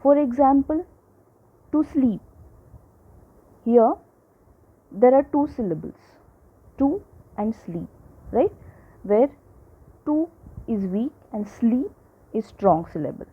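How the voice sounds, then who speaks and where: Woman teacher, slow careful lecture, breathy voice, tinny phone-like sound. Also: a little high, animated. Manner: slow, repeats examples, checks in with "right?" and "okay?". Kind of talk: classroom lecture.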